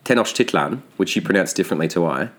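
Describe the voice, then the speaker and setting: A man's voice: deep voice, a little fast. An Australian man hosting a casual history podcast, joking and rambling with frequent restarts. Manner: jokey, rambling, self-correcting. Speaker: podcast host.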